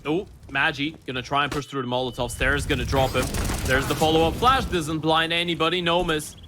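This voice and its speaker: A man's voice: on the high side, level tone, fairly quick, background noise. A man casting a live esports match, calling and explaining the action in a conversational way. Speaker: esports caster. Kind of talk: live esports commentary with analysis. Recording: clear gunfire and clicks behind voice. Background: game gunfire and clicks.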